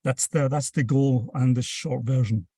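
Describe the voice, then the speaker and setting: Husky man explaining a campaign, dry sound. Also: medium pitch, fairly even intonation, unhurried, mellow, no echo. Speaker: campaign activist, panel guest. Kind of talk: explanatory interview talk.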